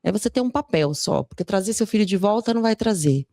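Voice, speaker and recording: A woman hosting a true-crime podcast, asking gentle, slow questions in an emotional interview. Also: mid-range voice, lively intonation, no echo, studio quality. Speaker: podcast host.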